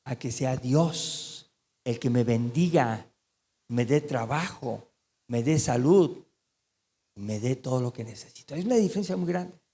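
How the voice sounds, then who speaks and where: A man preaching a sermon as pastor, animated and asking the congregation questions. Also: mid-range voice, a little slow, big-room sound. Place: church.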